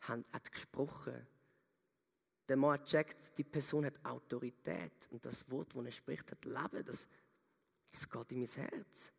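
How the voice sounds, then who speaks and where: A man's voice: mid-range voice, gravelly. A man preaching a sermon, emphatic and turning to his listeners with direct questions. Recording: long reverb in a hall.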